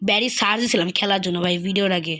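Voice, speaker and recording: Excitable woman gamer, bright voice. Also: medium pitch. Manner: excitable, repeats words in rapid bursts. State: slightly sore throat. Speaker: gaming YouTuber. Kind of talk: excited gameplay commentary.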